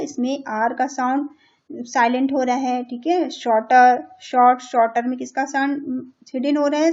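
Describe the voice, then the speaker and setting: A high-voiced Indian woman teaches young children English, going slowly over each sentence and translating it. She keeps checking in with the class in a patient, steady way. The recording sounds dull and lo-fi. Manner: patient, repeats and translates each line, checks with "theek hai". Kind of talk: explaining a children's English lesson in Hindi.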